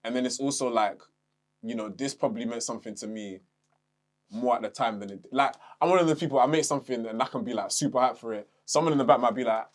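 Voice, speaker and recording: A young man, co-hosting a casual podcast chat, animated and quick to swear and laugh. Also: medium pitch. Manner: animated, swears and laughs, acts out his own inner voice. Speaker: podcast co-host.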